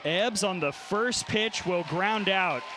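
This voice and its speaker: A man calling live softball play-by-play in clipped, punchy phrases. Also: high voice, slow pace. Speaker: play-by-play announcer. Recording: noisy stadium crowd behind commentary. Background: crowd and outdoor ballpark noise.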